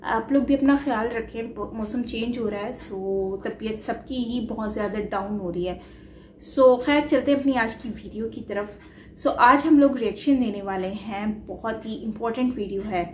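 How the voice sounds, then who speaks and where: A young woman from Pakistan with a fairly high voice chats softly and unhurriedly into her webcam, a little under the weather with a fever. She is recorded in a small room that rings with echo, with faint noise underneath. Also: moderate pace. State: slightly ill with fever. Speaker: reaction vlogger. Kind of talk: casual reaction vlog.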